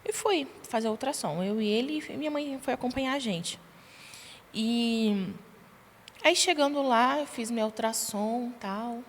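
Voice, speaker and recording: A young adult woman, a podcast guest, tells her personal testimony in a lively way and acts out the dialogue she quotes. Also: fairly high pitch, a little slow. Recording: long reverb, faint background noise.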